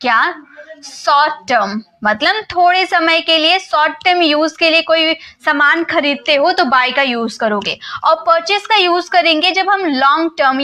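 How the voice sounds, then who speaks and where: High-pitched young woman, bright voice, English teacher, asks and answers her own questions. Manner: says English phrases slowly for learners. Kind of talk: whiteboard grammar lesson.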